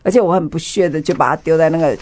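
A woman with a Taiwanese Mandarin accent gives an emotional personal testimony as an interview guest, telling it vividly and acting out the dialogue of the people involved. Her voice sits low, racing and a little mellow.

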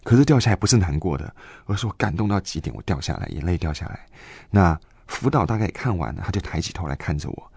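A man in his twenties telling a personal faith story in an interview, earnest and halting, with many fillers and restarts. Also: deep voice, expressive, vocal fry, a little mellow, slightly rough, no echo. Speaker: guest giving a faith testimony.

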